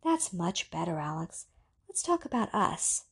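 A woman voicing a soft-spoken, seductive computer that talks in a coaxing, ethereal way, with a low, slightly breathy voice. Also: sing-song, a little slow, full character voice. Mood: calm, controlling.

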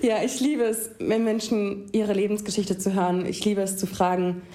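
A young woman talking as a podcast guest in a casual, lively interview chat, enthusiastic and quick to laugh. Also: medium pitch. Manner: lively, enthusiastic, laughs often, acts out quotes.

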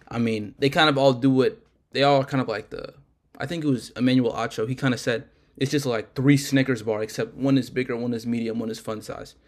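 A man's voice: mid-range voice, darkish tone. A man co-hosting a casual sports podcast, rambling and correcting himself as he talks. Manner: loose, rambling, self-correcting. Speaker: podcast co-host.

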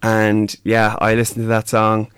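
A man's voice: fairly low pitch, monotone, measured pace, fairly bright tone, clean tone, dry recording. A man with a west of Ireland accent, chatting casually as a musician guest in an interview.

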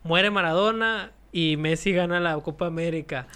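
Young man, Mexican accent, casual slangy chat, bright, smooth. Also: on the high side, moderate pace. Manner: slangy, joking.

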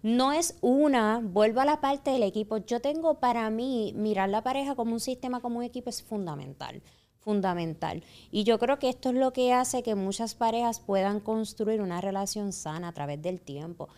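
Woman psychologist hosting a podcast, speaking with calm reflective emphasis. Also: on the high side, moderate pace. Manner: reflective, explains relationships with emphasis. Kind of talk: conversational podcast talk.

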